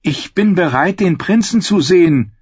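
A man's voice: high voice, animated, moderate pace, a little mellow, slightly rough, dry recording, highs cut off, pitched above the performer's own voice. A man voicing a proud, scheming young princess who is imperious one moment and coaxing the next. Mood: commanding. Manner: imperious, then coaxing and confiding.

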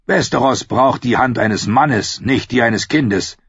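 A man's voice: medium pitch, takes it slowly, vocal fry, fairly bright tone, slightly rough, dry recording, dull audio, pitched above the performer's own voice, full character voice. A man voicing a stern, rigid middle-aged king in an audiobook, severe and clipped.

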